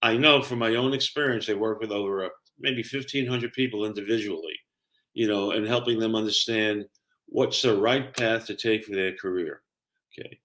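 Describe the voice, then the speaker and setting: Older Brooklyn man with a low voice. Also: moderate pace, a bit bright. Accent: New York, Brooklyn. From Brooklyn, New York. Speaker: career coach, guest. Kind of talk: conversational explaining and personal storytelling.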